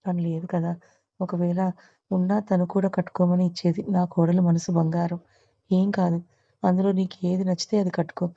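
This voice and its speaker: A woman's voice: fairly low pitch, little pitch movement, a little fast, dark tone, dry recording, highs cut off, lightly acted. A woman voicing a kind elderly grandmother who speaks in a soothing, affectionate way. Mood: gentle.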